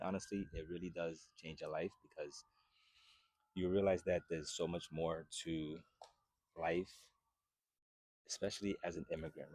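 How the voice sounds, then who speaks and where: A man's voice: sits low, darkish tone, dry recording, studio quality. A man in his twenties, originally from Haiti, talking casually to camera as a fitness vlogger and often checking in with "right?". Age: 20s. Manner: conversational, repeats "right?" often. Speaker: fitness vlogger and personal trainer.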